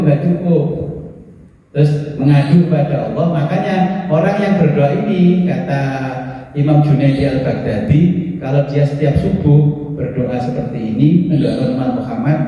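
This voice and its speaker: A man's voice: mid-range voice, a little hiss or hum. Distant echoey male preacher. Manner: humorous, chanting prayers. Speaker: religious teacher. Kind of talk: sermon lesson on a book. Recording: distant echoey hall, muffled.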